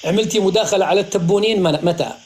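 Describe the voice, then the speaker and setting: A man from Morocco hosting a live stream, speaking in a measured, advising and reassuring way. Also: sits high, a little mellow, slight background noise. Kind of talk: casual live-stream chat.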